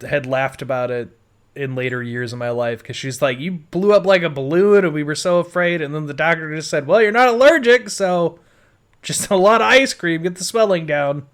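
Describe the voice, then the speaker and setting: An American podcast host tells his life story casually, rambling and swearing freely. His voice is a little high and somewhat bright, delivered at a moderate pace.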